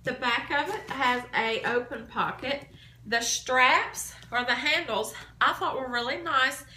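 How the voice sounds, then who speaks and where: A woman's voice: sits high, unhurried, sharp tone. A woman in her thirties with a cold, chatting casually through a handbag haul at home and recorded on a phone held at arm's length. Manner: chatty, detailed, upbeat. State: has a cold, coughing. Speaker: vlogger. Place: small room at home, indoors. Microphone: phone camera at arm's length. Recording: echoey home room.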